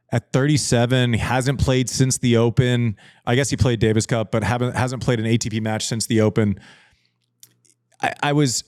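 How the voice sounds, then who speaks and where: A man's voice: mid-range voice, a little mellow, dry recording, clean studio sound. A man in his forties co-hosting a casual chat show, emphatic and repeating phrases for stress. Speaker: podcast co-host.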